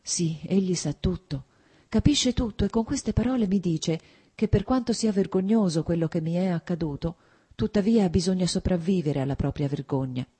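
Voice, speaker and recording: A woman's voice: on the low side, normal speed, warm tone, slightly rough, voice pushed up. Woman reading as an ashamed young girl. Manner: anguished inner thoughts.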